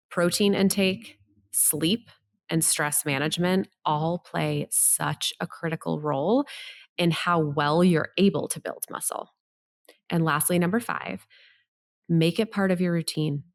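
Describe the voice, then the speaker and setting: A woman's voice: fairly low pitch, fairly even intonation, slow. A middle-aged woman hosting a health podcast with upbeat, tidy advice-vlogger delivery, encouraging and organized as she speaks straight to the listener.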